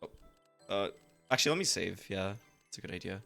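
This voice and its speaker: A man streaming a detective game, reacting in excitable casual commentary with frequent swearing and laughter. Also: sits low, fairly quick, creaky, faint music behind.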